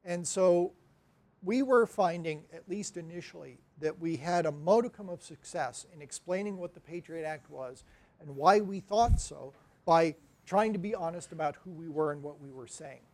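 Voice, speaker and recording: Male librarian giving a conference talk, high voice, wry and animated. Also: normal speed. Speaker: academic librarian presenter. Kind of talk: conference presentation.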